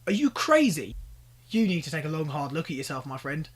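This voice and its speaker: A man's voice: fairly high pitch, very animated, a little fast, husky. A young British man giving exasperated, ranting reaction commentary, pleading with the people on screen. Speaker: commentary YouTuber.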